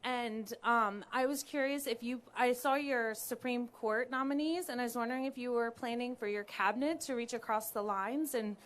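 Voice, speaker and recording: Higher-voiced woman, hesitant questioner. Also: normal speed, hardly any pauses. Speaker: campaign volunteer asking a question.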